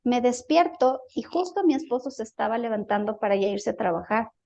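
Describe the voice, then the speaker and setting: A woman's voice: on the high side, lively intonation, brisk, gravelly, darkish tone. A woman in an interview, telling a personal experience in a casual, hesitant way and repeating words as she searches for them. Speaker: guest recounting a healing experience.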